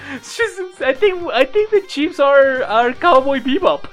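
A man's voice: very high-pitched, a little slow, faint music behind. A man from Mexico with a Mexican accent, co-hosting a casual podcast chat and laughing often as he tells stories. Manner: laughs often, animated storytelling. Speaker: podcast co-host.

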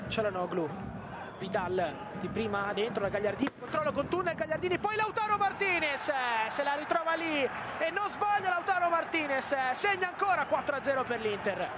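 A man giving breathless, urgent and excited live football goal commentary as the play-by-play commentator. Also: extremely high pitch, normal speed. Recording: loud crowd noise behind commentary. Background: loud stadium crowd.

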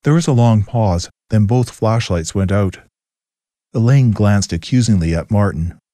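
A man giving a scripted, steady story narration. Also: on the low side, a little slow, dry recording.

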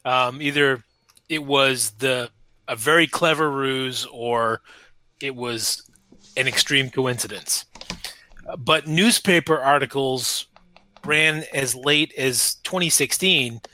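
A man co-hosting a relaxed podcast, with a bright, forward tone. He meanders and restarts as he explains. The sound is dry and close. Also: medium pitch, no room sound. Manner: meandering, halting, restarts his sentences. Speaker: podcast co-host. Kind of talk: casual chat.

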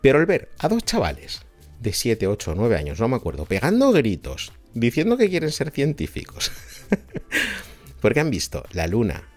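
A man with a Spanish accent from Spain, a science communicator telling a story to his viewers in a lively, laughing way, often adding a checking "¿no?". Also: medium pitch, normal speed, soft background music.

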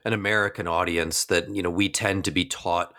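Guy hosting an interview, lowish voice, searching thoughtful questions. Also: fairly even intonation, fairly quick, sharp tone. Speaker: interview host.

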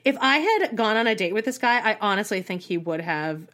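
Young woman, chatty storyteller, lively pitch, fillers everywhere. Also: a little fast. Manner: animated storytelling, heavy use of "like", acts out quotes. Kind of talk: casual podcast chat.

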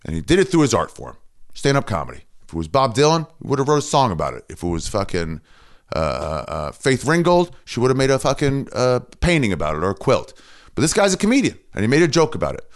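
Guy hosting his podcast, swearing a lot and ranting, voice jumps up and down, very animated. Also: medium pitch, fast talker. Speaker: podcast host. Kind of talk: casual profane comedy rant. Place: standing in front of a mirror.

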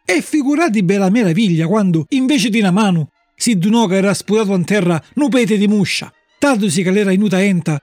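A man telling a storybook tale in lively narration. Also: high voice, no echo.

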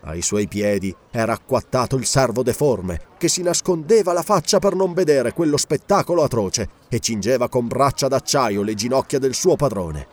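A man narrating a dark adventure story as an audiobook, grave and expressive. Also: mid-range voice, normal speed, hardly any pauses.

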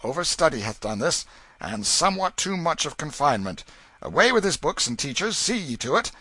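A dying old king, played by a man thunders his commands in raised, loud, archaic speech. His pitch swings widely and the tone is bright, in a dry recording. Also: big pitch swings, fairly quick, husky, no echo, heavily acted. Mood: wrathful. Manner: archaic, imperious declamation.

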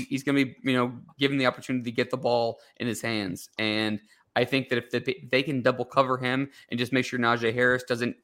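Man, sports co-host, casual football chat, bright tone, halting restarts. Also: medium pitch. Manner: hesitant, many restarts.

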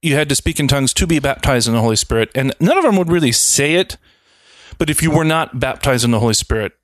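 A man's voice: mid-range voice, expressive, fast, fairly bright tone, no echo, clean studio sound. A man in his thirties from Wisconsin, co-hosting a podcast in casual, rambling chat with self-deprecating jokes. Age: 30s. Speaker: podcast co-host.

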